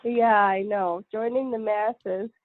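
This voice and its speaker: A woman with a cold and a nasal voice, leading a conference call from home on her iPad, talking in a halting way with many pauses. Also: medium pitch, fairly even intonation. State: congested with a cold. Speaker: call facilitator. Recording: dry, tinny phone-like call line.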